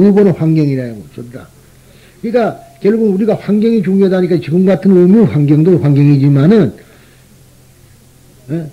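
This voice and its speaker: Male Buddhist monk, high husky voice, chatty sermon full of rhetorical asides, dull lo-fi recording. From Gyeongsang region, Korea. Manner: conversational, often tags rhetorical questions to the listeners.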